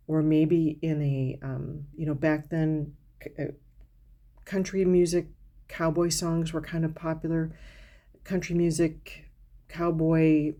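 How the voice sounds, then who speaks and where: A woman's voice: low-pitched, dark tone. A woman talking casually to camera, reviewing perfumes in a chatty, descriptive way with frequent fillers and restarts. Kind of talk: casual product review vlog.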